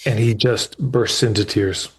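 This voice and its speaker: A man's voice: on the low side, fairly even intonation, a little slow. A man coaching a client in a live session. He explains ideas candidly and emphatically, swears casually, and often restarts his sentences. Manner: restarts mid-thought as he explains. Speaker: business coach.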